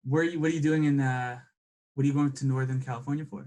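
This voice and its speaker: A man's voice: mid-range voice, steady tone, quick pace, a little mellow. A man hosting a podcast, chatting casually and joking with his guest. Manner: friendly, joking, stumbles over names. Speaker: podcast host. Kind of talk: casual chat.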